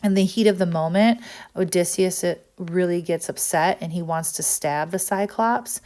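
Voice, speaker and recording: A woman teacher explaining a text in a recorded lesson, often pausing with "um" and checking in with "right?". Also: lowish voice, a little mellow.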